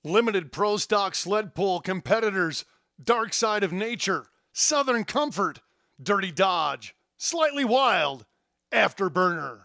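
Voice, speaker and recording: A man's voice: high-pitched, lively intonation, slow, creaky, pushed and bright, dry recording. A man reading scripted introductions in a punchy tractor pull announcer style. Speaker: recap show announcer.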